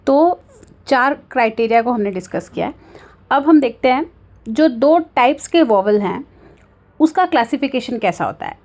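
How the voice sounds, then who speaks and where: A woman teaching a lesson on vowels, mixing Hindi explanation with careful, drawn-out English examples and modelling each vowel sound. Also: a little high, lively intonation, darkish tone. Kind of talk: lecture explaining phonetics.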